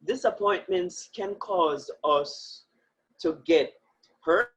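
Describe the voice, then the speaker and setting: The audio is muffled lo-fi as a woman with a fairly low, husky, somewhat bright voice speaks slowly. She is an interview guest reflecting earnestly and emphatically, often breaking into laughter.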